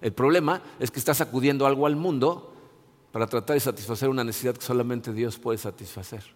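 A man's voice: mid-range voice, fast talker. A middle-aged male pastor, giving an earnest, conversational sermon full of restarts and repeated words. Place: church. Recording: long hall reverb.

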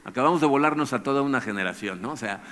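A man tells a personal story at a quick clip, his voice in a middle register. He is animated and keeps tagging phrases with "¿no?". The sound has a long reverb tail, as if he speaks in a large hall. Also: medium pitch, slight background noise. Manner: animated, tags phrases with "¿no?", chuckles often. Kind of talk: anecdotal storytelling to an audience.

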